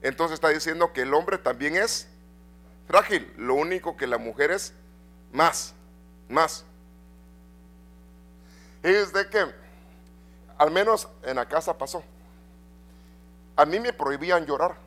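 A middle-aged man preaching a sermon in a church, swinging between loud and soft and asking the congregation questions. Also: a little high, lively intonation, a little slow, pauses often. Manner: addresses congregation with rhetorical questions. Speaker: pastor.

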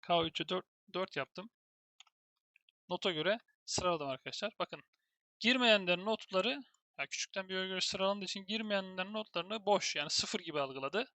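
A man with a fairly high, bright voice and a gravelly edge, talking through a terminal tutorial step by step. He thinks aloud as he types and keeps turning to the viewers. The sound is dry and close, with no room around it. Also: animated, normal speed, no echo. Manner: thinks aloud while typing, keeps addressing viewers as "friends". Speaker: programming instructor. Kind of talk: screen-recorded terminal tutorial.

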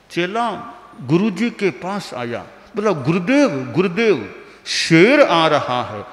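Brief: male preacher, storytelling sermon, slow and lively in pitch, slightly raised voice, echoey hall. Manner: expressive, unhurried storytelling. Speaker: monk preacher. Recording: reverberant hall.

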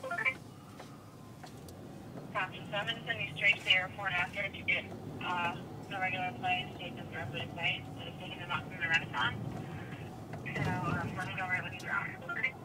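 A crew dispatcher heard over a two-way radio, giving brisk instructions in radio jargon. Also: mid-range voice, steady tone. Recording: distant crackly radio with loud noise.

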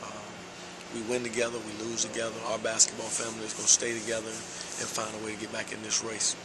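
A middle-aged man, a basketball head coach, giving a measured post-game interview in a large empty indoor arena, with frequent "uh" fillers. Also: lowish voice, monotone, background noise.

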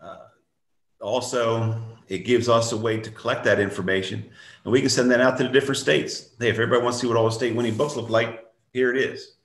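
A man's voice: medium pitch, steady tone, fast. An older man giving a plainspoken, reassuring update over a video call from a room at home. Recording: echoey room.

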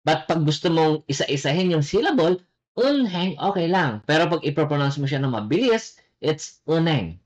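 A Korean language teacher giving a casual online lesson, lively and laughing lightly, repeating example words slowly. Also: mid-range voice, lo-fi sound.

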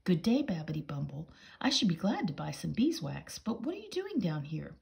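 Fussy storybook mouse lady, prim and scolding, put on by an older woman reader, gravelly edge. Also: low voice, sing-song, moderate pace, full character voice. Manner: scolding and particular. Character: fussy, prim, tidy little female mouse.

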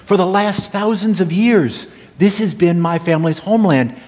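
A man's voice: sits high, moderate pace, darkish tone, voice pushed up, natural voice. A man voicing a devout man firmly refusing to sell his family's land, in an earnest, pleading tone, with long church reverb.

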